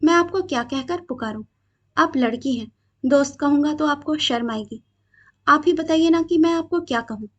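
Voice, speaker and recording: A woman's voice: high voice, normal speed, a bit bright, highs cut off. Brief: woman reading as a troubled, defiant young man, earnest and aggrieved, storybook reading. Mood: hopeful.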